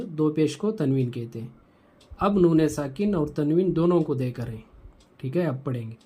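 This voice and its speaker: A man teaching Quran reading, patiently repeating each syllable of the lesson slowly for learners. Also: a little high, warm tone. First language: Urdu. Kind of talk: slow recitation lesson.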